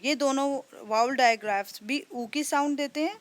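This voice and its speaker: Young woman teacher, fairly high voice, patient phonics lesson that sounds words out. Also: normal speed.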